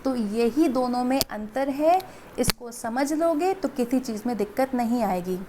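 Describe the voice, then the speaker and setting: Female teacher, high voice, slow unhurried delivery, faint background hiss, patient classroom explaining. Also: expressive. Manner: patient, repeats and asks children if they understood. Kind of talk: classroom Hindi lesson.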